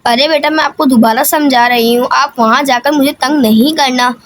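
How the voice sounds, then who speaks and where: A woman's voice: high-pitched, fairly even intonation, moderate pace, dry recording, close to an everyday voice. A woman voicing a cartoon mother who scolds and instructs her son. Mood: scolding. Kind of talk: cartoon voice-over.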